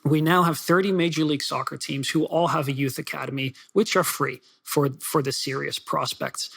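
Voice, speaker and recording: Male author guest, raised in Belgium, rapid chatty answers, a bit higher pitch. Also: steady tone, gravelly, fairly bright tone, slightly rough. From Netherlands and Belgium. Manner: fast, chatty, with many fillers and restarts. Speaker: soccer writer and author. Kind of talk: podcast interview.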